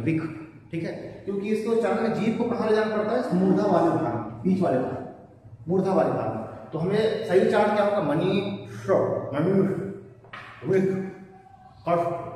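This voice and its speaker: A man's voice: high voice, darkish tone, a little hiss or hum. A man teaching a lesson to students, explaining step by step and answering his own questions. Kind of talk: classroom lesson on Hindi pronunciation. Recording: echoey room, voice from far off.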